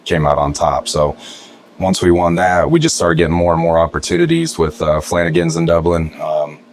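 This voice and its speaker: A man, a musician guest, telling his story in a relaxed casual interview with frequent fillers. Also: low voice, normal speed.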